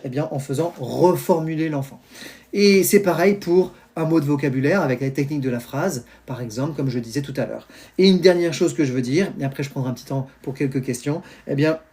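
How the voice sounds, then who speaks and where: A middle-aged man, a teacher and trainer, giving advice to parents on a live stream in an animated, explanatory way, with many fillers and restarts. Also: fairly high pitch, fairly quick. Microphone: phone or computer mic on a live stream.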